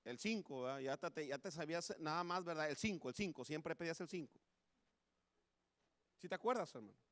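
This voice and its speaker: A man's voice: fairly high pitch, lively intonation, a little fast, fairly bright tone, dry recording. A man with a Mexican Spanish accent preaching a sermon in church, impassioned and repeating "hermano" again and again. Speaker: pastor. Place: church sanctuary.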